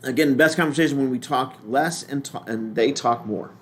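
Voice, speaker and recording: A man's voice: mid-range voice, normal speed, a bit bright. An older man teaching a lay ministry class in a casual, rambling way, often restarting his sentences.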